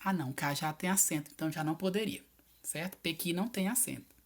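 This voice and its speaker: A woman teacher, patiently going over homework answers in a recorded video lesson and spelling out each word slowly. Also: deep voice. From Piauí, Brazil.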